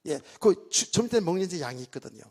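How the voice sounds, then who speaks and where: A man's voice: high voice, expressive, fast, mellow. A middle-aged man preaching a sermon as pastor in a church, talking casually with the congregation and joking in asides. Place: church sanctuary.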